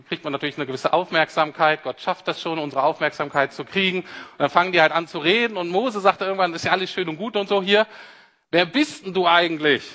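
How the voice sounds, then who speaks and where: Man preaching a sermon: bright, forceful voice with a long reverb tail, earnest and explanatory. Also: fairly high pitch. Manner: earnest, explanatory, speaks directly to listeners.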